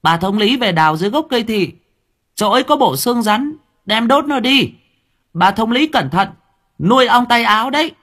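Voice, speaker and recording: A stubborn little peasant boy speaks in a high, childlike voice, urgent and insistent, as a man reads him in an audiobook. The tone is husky, and the line rises and falls with lively movement. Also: normal speed, full character voice. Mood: urgent warning.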